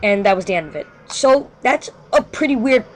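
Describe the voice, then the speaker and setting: A host spins a creepy tale live in a loose, unscripted way. The voice sits at a middle pitch, and the telling keeps stalling and restarting as the speaker corrects themselves mid-sentence. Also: animated, fairly quick, noisy background. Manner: rambling, frequently corrects itself. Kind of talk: casual live storytelling.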